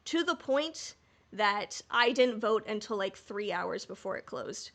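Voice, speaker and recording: Here the podcast co-host sounds mid-range and somewhat bright, with lively intonation, a slightly slow delivery, and some creak. In this casual fan chat she talks candidly and forcefully, with an odd swear thrown in.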